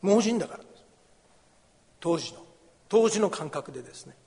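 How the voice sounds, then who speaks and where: A high-pitched man preaches a sermon as a pastor, walking through a scripture passage. He brings it to life by acting out the pleading and scolding voices of the people in the story. His voice rings with the long reverb of a hall. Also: expressive, moderate pace, darkish tone. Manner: explains scripture, acts out the beggar's and crowd's cries.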